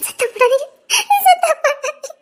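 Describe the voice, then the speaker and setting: A woman's voice: extremely high pitch, steady tone, fast talker, a little mellow, voice pushed up. A woman with a Tirunelveli accent voicing a frightened young wife who whimpers and pleads tearfully. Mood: terrified. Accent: Tirunelveli Tamil.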